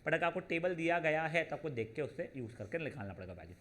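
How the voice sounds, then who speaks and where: A man's voice: on the high side, very animated, fairly bright tone. A man teaching probability to a class, working through formulas step by step and often checking in with his students. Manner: calls students "beta", checks in with "theek hai na"; works through formulas step by step, slowing on them. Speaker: math teacher. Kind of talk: classroom lecture.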